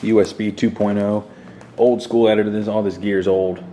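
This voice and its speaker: This vlogger shows off his home podcast setup in a mellow, fairly low voice that barely moves in pitch, speaking at normal speed. He keeps it casual and unscripted, tossing out short clipped fragments in an offhand way, captured in a clearly noisy room.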